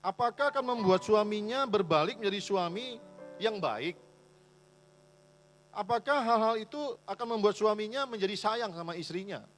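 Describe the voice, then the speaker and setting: A man's voice: high-pitched, expressive, normal speed, fairly bright tone, faint music behind. A male pastor preaching a sermon in a church, with an emphatic manner. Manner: emphatic preaching, voicing complaining wives in quotes.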